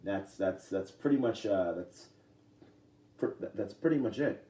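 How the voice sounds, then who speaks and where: A young man vlogging in a casual, rambling way, halting often with fillers and restarts. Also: on the low side, lively intonation, dark tone. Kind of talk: casual talk to camera. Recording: echoey room, distant from mic.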